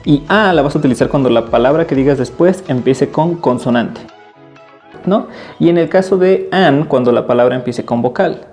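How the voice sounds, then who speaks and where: A man with a mellow, relaxed voice teaches English, explaining in Spanish and repeating each example phrase slowly and clearly. Faint music plays softly behind him. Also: mid-range voice. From Mexico. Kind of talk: English lesson taught in Spanish.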